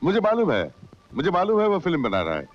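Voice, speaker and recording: A man's voice: high voice, wildly swooping pitch, quick pace, slight background noise. An actor playing an elderly, wealthy, polite father, heard over an old telephone line. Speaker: wealthy father taking a trunk call. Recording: dull lo-fi old film soundtrack.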